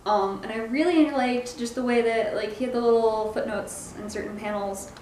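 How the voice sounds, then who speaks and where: A woman who reviews comic books gives a casual, hesitant review, groping for words and correcting herself as she goes. Her voice is fairly high, a little mellow, at normal speed. The room is echoey, with faint background noise.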